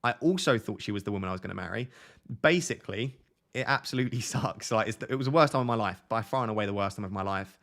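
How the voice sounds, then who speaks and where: Quick-paced with vocal fry, a man with a low, slightly bright voice answers his viewers during a fantasy football live stream. He's from Essex, in his twenties, with a muted Essex accent, and his candid chat drifts through tangents and restarts.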